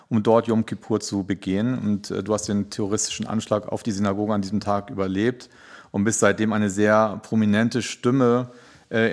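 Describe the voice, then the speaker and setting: A man hosting a podcast interview, introducing his guests in a hesitant way with many filler sounds. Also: lowish voice. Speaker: podcast host.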